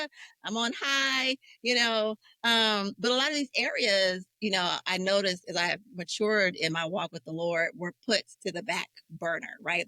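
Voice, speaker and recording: A woman in her forties hosts a faith-centered conversation about grief. She talks candidly and emotionally, searching for her words with many fillers. Her voice is bright and forceful, heard close and dry. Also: medium pitch, no echo, rough recording. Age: 40s. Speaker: podcast host.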